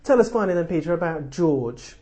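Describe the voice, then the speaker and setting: A man's voice: a little high, expressive, fairly quick, mellow. A man interviewing a guest, chiming in with brief, friendly questions and prompts.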